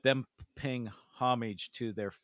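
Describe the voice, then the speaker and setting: Slow talking guy guesting on a music podcast, dry close mic. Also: medium pitch, steady tone, fairly bright tone, no echo, lo-fi sound. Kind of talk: casual music chat.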